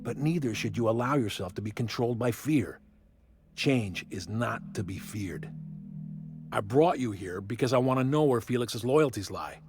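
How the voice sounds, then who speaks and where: A man's voice: mid-range voice, lively intonation, music in the background, natural voice. Man playing pompous old revolutionary, game character. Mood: grand, persuasive. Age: older. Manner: measured, pompous speechifying. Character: grizzled old male revolutionary, condescending and grandiose. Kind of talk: video game dialogue.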